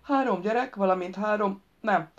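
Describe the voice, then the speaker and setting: A woman's voice: mid-range voice, highs cut off, natural voice. A woman voicing a clumsy, joking grown man in an audiobook, dry and bumbling.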